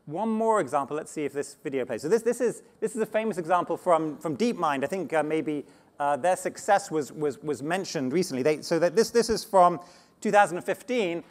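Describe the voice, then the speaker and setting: A man giving a conference talk on slides, animated and often restarting words, speaking to a live audience. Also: a little high, brisk. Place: conference stage before an audience.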